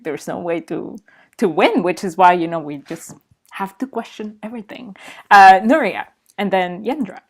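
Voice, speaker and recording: A woman hosting a casual group discussion, who thanks each speaker and then calls on the next one. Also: lowish voice. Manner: affirming, picks the next speaker. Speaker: host.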